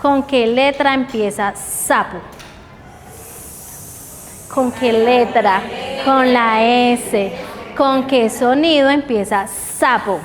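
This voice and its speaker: A woman leads a teacher training session, slowly modeling letter sounds and asking the group check questions. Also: on the high side. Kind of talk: training workshop lecture. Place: training room. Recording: reverberant hall with faint background noise.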